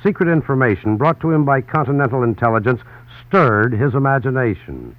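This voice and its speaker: A man's voice: mid-range voice, expressive, brisk, no echo. A man narrating as a radio correspondent in emphatic 1940s newsreel style. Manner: dramatic, emphatic announcer delivery. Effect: old newsreel broadcast sound. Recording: tinny old radio broadcast with faint hiss.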